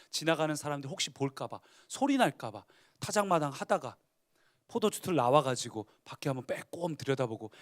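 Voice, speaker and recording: A male pastor preaching a Sunday sermon, dramatically retelling scripture and rising to emphatic declarations. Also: fairly high pitch.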